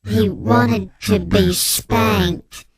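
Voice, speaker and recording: An anonymous tipster, as a performer puts on a voice run through an electronic disguise, dragging every word out at a crawl. The telling stays flat and deadpan even through the wildest details. Loud crowd laughter sits behind it. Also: medium pitch, drawn-out words. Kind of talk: radio comedy bit.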